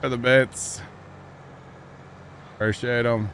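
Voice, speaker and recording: During a casual farming-game livestream, a man in his mid-thirties from Missouri jokes with and teases friends, chatting with lots of fillers. His medium-pitched voice stays level and slow, slightly bright, with a touch of background noise.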